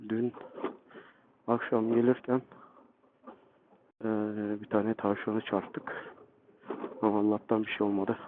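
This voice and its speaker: A man's voice: lowish voice, little pitch movement, takes it slowly, pauses often, narrow, tinny audio, slight background noise. A man narrating a casual outdoor motovlog as a guide, speaking from inside a motorcycle helmet. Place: outdoors on forest roads.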